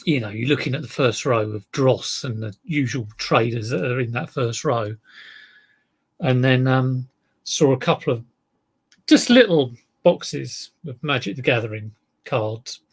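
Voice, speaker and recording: With a mid-range, slightly breathy voice, this man talks a little slowly in a laid-back South East London drawl. As host of an eBay reseller live stream, he rambles on about what he's sold and reads out comments from viewers.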